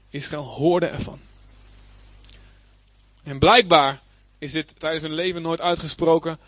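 Emphatic preacher, a man with a slightly high voice. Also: a bit bright, no room sound. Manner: reads scripture aloud, then explains it plainly. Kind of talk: Bible teaching.

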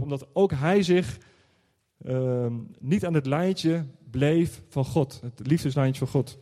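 A middle-aged man delivers a sermon in a loose, conversational way, tossing rhetorical questions at his congregation. His voice is fairly high for a man but mellow and warm in tone. A long reverb trails his words through the church hall. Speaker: preacher.

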